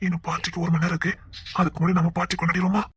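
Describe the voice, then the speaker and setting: Brief: woman playing a sly older man for an audio drama, wheedling, very husky, dry close sound. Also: lowish voice, flat delivery, very fast, dry recording. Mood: teasing. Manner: coaxing, wheedling, stammering. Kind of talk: Tamil audio drama acting.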